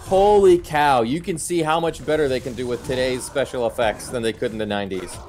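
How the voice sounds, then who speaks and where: A middle-aged man answers his stream's viewer comments in casual, opinionated chat while music plays behind him. His mid-range voice is slightly mellow and a little fast, and there's a little hiss or hum.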